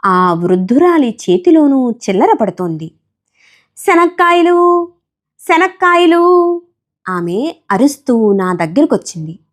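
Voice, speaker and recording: A woman reading a story aloud in scripted audiobook narration, expressive and animated. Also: on the high side.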